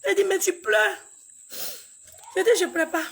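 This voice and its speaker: A woman, a mother, tells a painful personal story in a halting, repetitive way, acting out what each person said. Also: very high voice, fairly even intonation. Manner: halting and repetitive, acts out dialogue. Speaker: grieving mother recounting a loss.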